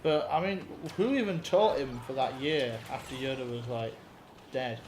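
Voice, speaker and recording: A man's voice: medium pitch, moderate pace. Man, Northern English accent, dry teasing questions, roomy echo. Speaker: co-host watching the game. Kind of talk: casual gameplay chat. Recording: echoey room with faint noise.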